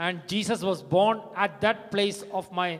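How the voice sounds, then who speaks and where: A man's voice: high-pitched, steady tone, extremely slow. A man interpreting a sermon into English line by line, hesitant with fillers. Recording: reverberant church hall with music.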